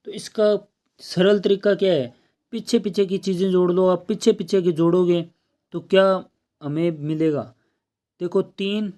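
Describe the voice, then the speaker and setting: A man's voice: sits high, mellow. A man teaching an exam-prep math lesson, explaining step by step and checking in often.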